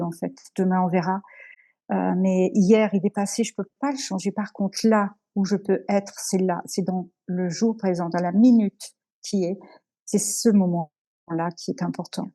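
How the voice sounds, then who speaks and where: Speaking in a mid-range, mellow voice, a woman offers an emotional, sincere testimony during an interview. She falters repeatedly, pausing and beginning again many times.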